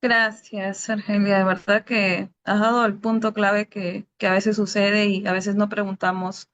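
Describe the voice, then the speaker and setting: A woman's voice: medium pitch, flat delivery, measured pace, a bit bright. Woman interviewer on dull lo-fi audio. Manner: rambling, winding questions tagged with '¿no?'. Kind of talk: asking a long question in a conversation.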